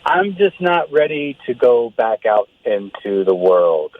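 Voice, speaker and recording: A young man heard over a telephone line, talking in a hesitant, nervous, halting way. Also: medium pitch, sing-song. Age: young adult. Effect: heard over a phone line. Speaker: guest called on the radio show. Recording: tinny phone line.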